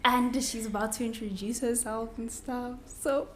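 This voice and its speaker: A woman's voice: fairly high pitch, little pitch movement, normal speed. A woman with a South African accent co-hosting a podcast in a casual, playful style. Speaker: podcast co-host.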